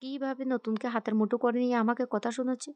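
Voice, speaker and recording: A woman voicing a scheming, spiteful middle-aged woman who throws sharp, accusing retorts. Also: fairly high pitch, steady tone, fast, highs cut off, pitched above the performer's own voice, close to an everyday voice.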